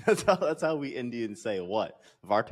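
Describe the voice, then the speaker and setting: A man's voice: mid-range voice, sing-song, a little slow. A young man putting on an exaggerated Indian accent as a joke, laughing as he talks. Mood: joking. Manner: playful, laughing.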